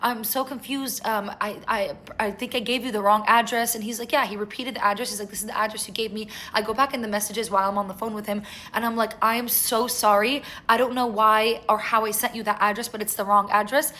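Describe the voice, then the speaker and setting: A young woman casually telling a story to her viewers, chatty and animated, with lots of "like". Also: mid-range voice. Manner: chatty, animated, fast-paced retelling with lots of "like". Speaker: vlogger.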